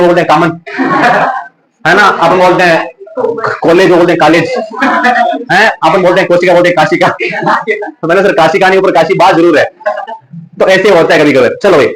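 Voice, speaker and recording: A young male teacher with a Rajasthani accent races through an exam revision lesson at a rapid clip. His voice sits a little higher than most men's. He drills facts by asking and repeating, then drifts into chatty stories. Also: low-quality recording. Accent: Rajasthani Hindi. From Rajasthan, India. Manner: chatty storytelling asides.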